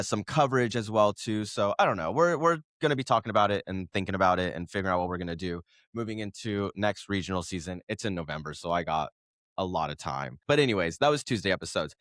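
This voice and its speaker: Hosting a podcast on his own, a man in his thirties rambles and chats casually, often laughing and correcting himself, all while a cold is coming on. His voice is fairly low and fairly bright, recorded at studio quality with no room sound.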